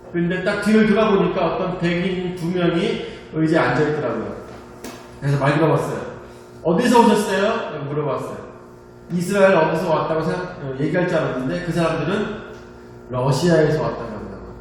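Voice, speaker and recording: A man preaching a sermon, telling a personal story in an animated way and laughing at himself. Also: high voice. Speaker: pastor. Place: church hall. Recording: echoey hall, distant mic, faint hum.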